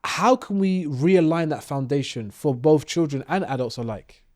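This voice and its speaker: A man hosting a podcast interview, speaking in a measured, deliberate way. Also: on the high side, darkish tone. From United Kingdom. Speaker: podcast host.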